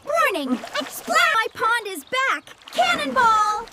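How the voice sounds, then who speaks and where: A woman voicing an excitable chubby little crocodile in a children's cartoon, shouting gleeful exclamations like a cannonball jumper. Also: very high-pitched, unhurried, very noisy, full character voice. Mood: excited, triumphant.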